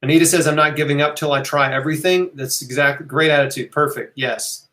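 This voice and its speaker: Speaking fast with a fairly high, slightly bright voice and mostly even intonation, a man runs a casual live health Q&A. He's emphatic and encouraging, repeats important phrases, and keeps asking "right?" or "okay?" in a conversational way, all in a roomy, echoing space.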